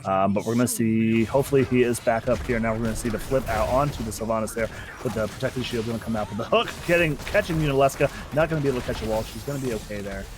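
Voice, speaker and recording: A man's voice: medium pitch, fast, background noise. A man co-casting an online video game match, chatting loosely with lots of fillers as he breaks down the plays. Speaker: esports co-caster. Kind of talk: esports color commentary.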